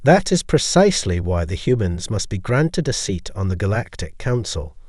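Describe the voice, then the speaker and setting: A man's voice: lowish voice, normal speed, breathy edge, dry recording, studio quality. A man reading as a grave scientist. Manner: calm, firm. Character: grave male human scientist, quietly authoritative.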